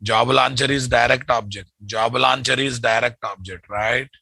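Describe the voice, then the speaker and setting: A programming instructor with a Telugu Indian English accent teaches live, thinking aloud, repeating phrases and checking in with students through short questions and tags. His medium-pitched voice is steady at a normal speed, gravelly, bright and forceful with a breathy edge. There's no room sound.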